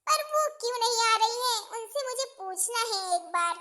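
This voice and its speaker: A woman's voice: very high-pitched, animated, brisk, sharp tone, full character voice. A woman voicing a put-upon young daughter-in-law in a cartoon, polite to her face and grumbling aside.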